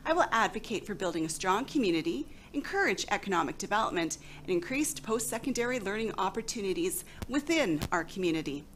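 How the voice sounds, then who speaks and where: A woman reads a formal campaign statement, listing her credentials in an even, mid-pitched voice. Faint noise hums beneath the recording. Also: brisk, hardly any pauses. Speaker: council candidate.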